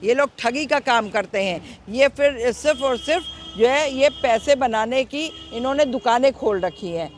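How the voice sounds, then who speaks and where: A woman's voice: on the high side, animated, normal speed, hardly any pauses. A woman answering a street interview outdoors, emphatic and indignant, often asking "right?" as she makes her points.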